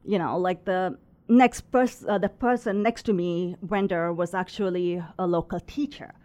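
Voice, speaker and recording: A woman's voice: on the low side, steady tone, moderate pace, a little mellow. A woman from Sri Lanka in her thirties, talking about her craft business as a guest, with many fillers and small laughs. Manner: chatty, many fillers, laughs between phrases. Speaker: guest, resin artist and small business owner. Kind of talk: casual interview conversation.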